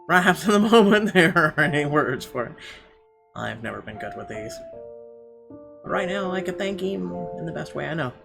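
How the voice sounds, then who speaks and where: With game music in the background, a man streaming a visual novel reads its text aloud with expression, occasionally stumbling and adding asides. His voice is slightly high and gravelly, swinging widely in pitch at a normal speed.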